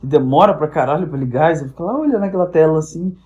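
Twenties male podcast host from Brazil, slightly high voice, animated comic storyteller, crude and profane, acts out quoted voices. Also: rapid-fire, muffled recording. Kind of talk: casual comic monologue.

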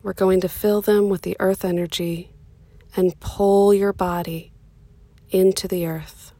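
This is a woman's mid-range voice leading a guided meditation, calm and unhurried, with gaps between brief phrases. She keeps a level tone, her softness slipping into breathiness now and then, and the recording carries no room sound.

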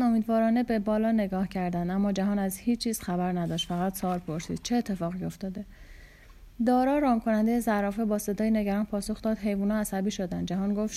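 Female audiobook reader with a warm, mellow voice and steady pacing for literary fiction. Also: mid-range voice. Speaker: audiobook narrator. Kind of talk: reading a novel aloud.

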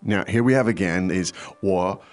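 A man from outside China hosts a podcast language lesson, explaining things in a relaxed way at an easy pace. His voice sits low, his speed is normal, and he hesitates frequently.

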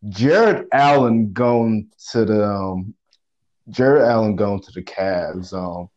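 A man co-hosting a sports podcast over a phone line, talking casually with halting restarts and slang. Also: on the low side, darkish tone. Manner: halting, repeats words, slangy. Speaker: podcast co-host.

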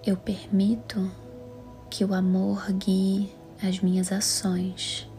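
With music playing beneath her, a Brazilian Portuguese woman guides a meditation in a calm, soothing, measured manner. Her mid-range voice is soft, breathy and half-whispered.

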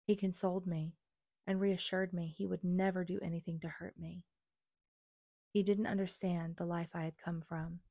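Brief: young adult woman, low voice, earnest first-person memoir reading, dry close sound. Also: warm tone, no room sound. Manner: earnest, confessional. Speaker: memoir narrator.

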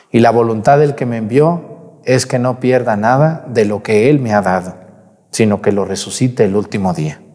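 A man's voice: medium pitch, a little mellow. A male priest reading the gospel and preaching a homily at Mass, asking the congregation questions, his voice ringing with cathedral echo. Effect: cathedral echo, long church reverb. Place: church during Mass. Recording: long reverb of a large church.

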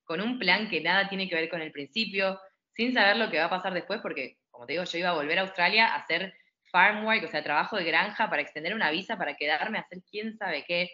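A woman from Argentina in her thirties with an Argentine accent, telling her story in a lively way as an interview guest. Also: fairly low pitch, fast talker, dull audio. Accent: Argentine Spanish. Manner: lively storytelling, acts out quoted voices. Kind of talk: casual interview.

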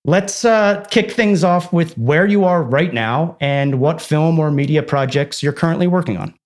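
A man hosting an interview podcast, delivering a polished scripted introduction, then moving into relaxed, joking questions. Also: fairly high pitch, moderate pace. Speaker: podcast host.

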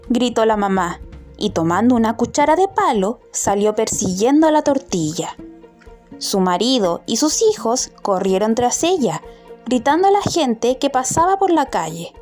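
A woman storyteller reads a children's tale aloud, her voice fairly high and swinging widely in pitch. She greets her listeners and then narrates expressively. Soft music plays faintly behind her. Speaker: storyteller, podcast host.

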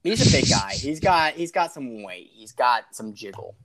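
A young man co-hosting a podcast, telling a story in a dramatic, deadpan way. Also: medium pitch, moderate pace, crowd noise. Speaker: podcast co-host. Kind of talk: casual storytelling.

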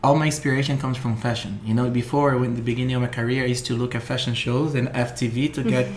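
A man, a guest in a casual interview, speaking in a reflective, halting way with many fillers. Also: medium pitch, flat delivery, slight background noise. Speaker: guest, architect and designer. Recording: echoey room with faint ambience.

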